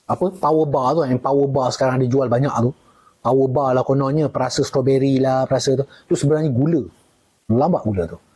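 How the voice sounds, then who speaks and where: A man's voice: medium pitch, brisk, mellow, slightly rough. A middle-aged man with a Malaysian Malay accent, a retired army officer chatting casually on a live stream, answering viewer comments and joking.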